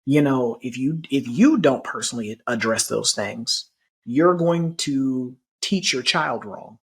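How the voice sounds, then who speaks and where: A man co-hosting a podcast in casual reflective chat, measured, repeating phrases for emphasis. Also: medium pitch, animated, husky. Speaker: podcast co-host.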